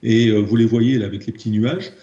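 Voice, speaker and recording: The voice is a man's, on the low side and mellow, brisk and fairly even in intonation. He has a French accent and trains people in process improvement, explaining slides with hesitation and frequent repeated words, in an echoey, dull-sounding room.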